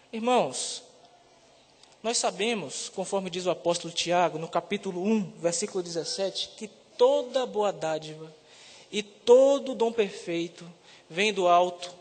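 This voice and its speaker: Man, preaching, emphatic loud peaks, fairly high voice, long church reverb. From Salvador, Brazil. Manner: rises to loud emphatic peaks on key words. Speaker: seminarian preacher. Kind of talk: sermon.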